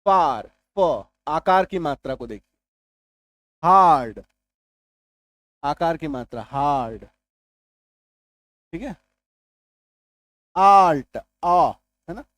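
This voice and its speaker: A man teaching a lesson patiently. He repeats points, drills sounds slowly and keeps checking whether listeners follow. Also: a little high, expressive, dry recording. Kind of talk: explanatory classroom-style lesson.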